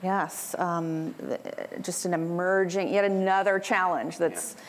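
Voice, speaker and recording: A woman's voice: lowish voice, a little slow, a little hiss or hum. A woman speaking as a union leader in a panel discussion at a conference, passionate and rallying, often tagging on rhetorical questions. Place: conference event room.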